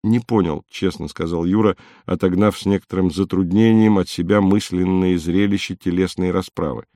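Low-voiced man reading an audiobook. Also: steady tone, normal speed, warm tone, no echo, clean studio sound. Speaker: narrator.

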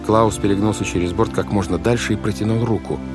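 A man narrating an audiobook in a measured, expressive storytelling manner. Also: on the low side. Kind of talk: scripted narration. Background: music.

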